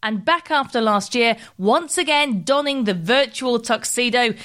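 A woman's voice: on the high side, expressive, unhurried, fairly bright tone. A woman presenting scripted news as a show host.

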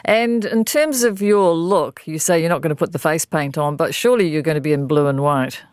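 A woman's voice: low voice, brisk, darkish tone, no echo. A woman hosting a radio interview, asking friendly conversational questions. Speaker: radio host.

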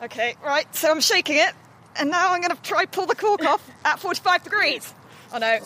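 Fast-talking woman outdoors with faint traffic. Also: extremely high pitch, animated, sharp tone. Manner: fast, eager, explaining while doing. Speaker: physicist panelist. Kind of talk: live demonstration from outside. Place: outdoor car park.

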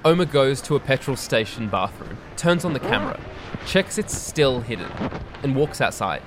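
A man hosting a podcast, narrating a story in a measured storytelling manner. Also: mid-range voice, very animated, background noise. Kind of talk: scripted narration.

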